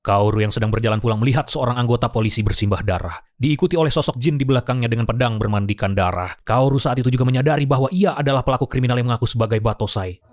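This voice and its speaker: Casting: male story narrator for film recaps, rapid delivery, informal and dramatic, very dry recording. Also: mid-range voice, darkish tone, no room sound.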